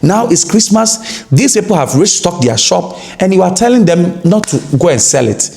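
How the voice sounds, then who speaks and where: Gravelly Ghanaian man giving news commentary. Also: high voice, big pitch swings, moderate pace, a little mellow. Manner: emphatic, repeats key words for stress.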